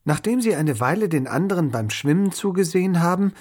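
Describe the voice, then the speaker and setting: A man narrating a children's story in an expressive, lively storytelling way. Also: high-pitched, a little fast, no echo, studio quality. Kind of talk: children's story read-aloud.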